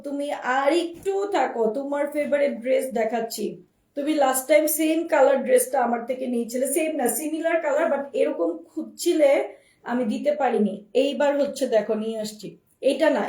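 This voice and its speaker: A high, soft-toned woman with a cold-roughened voice runs a live dress showcase. She chats and loops back over her points for her viewers. She sounds set back from the mic, with a roomy echo around her. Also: fairly quick, recorded from a distance. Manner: chatty, addresses viewers directly, repeats herself. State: hoarse from a cold. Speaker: online clothing seller. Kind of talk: live-stream product showcase.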